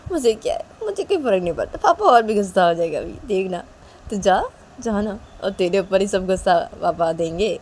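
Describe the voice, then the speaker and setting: A woman voicing a bossy older sister who scolds and teases in a sharp, rising voice. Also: mid-range voice, animated, a little fast, a little hiss or hum, natural voice. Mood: dismissive. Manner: sharp, scolding, rising, repeating "kya hai".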